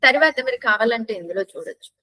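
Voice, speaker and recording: A woman teaching a class, who chants verses slowly, repeats each line, then explains the tone marks in plain speech. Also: fairly high pitch, lively intonation, sharp tone, no echo. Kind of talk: class on reciting a scripture with its commentary.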